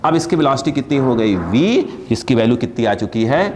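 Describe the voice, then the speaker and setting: A man's voice: medium pitch, sing-song, moderate pace, darkish tone, a little hiss or hum. A man teaching physics to a class at a board, stretching key terms and constantly asking students to answer back.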